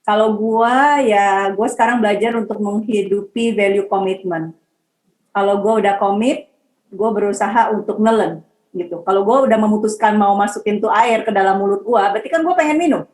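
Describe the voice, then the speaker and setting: A woman's voice: mid-range voice, moderate pace, a little mellow, reverberant, low-quality recording. A woman on a podcast panel, chatting casually and explaining with a homely analogy. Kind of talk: casual chat.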